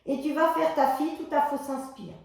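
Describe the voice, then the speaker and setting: A woman fitness instructor guiding a floor exercise class, giving calm step-by-step cues timed to the breath. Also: high-pitched, fairly quick, vocal fry. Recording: very echoey exercise room.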